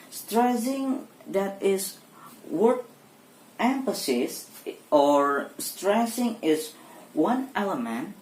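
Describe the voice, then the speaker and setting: A young Indonesian-accented woman talks through an exam presentation, her voice low and her delivery slow and halting. She pauses often, restarts phrases and fills gaps with hesitation sounds. The room around her is echoey, with a faint hiss underneath. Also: darkish tone. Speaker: university student presenter.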